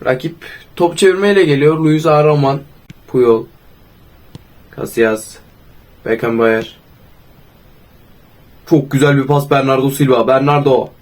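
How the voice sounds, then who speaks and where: A hoarse young man with a cold, commenting casually on his own football video game match and calling out player names excitedly. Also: mid-range voice, measured pace, long pauses. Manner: excited, shouts player names, sometimes sings. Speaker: gaming YouTuber.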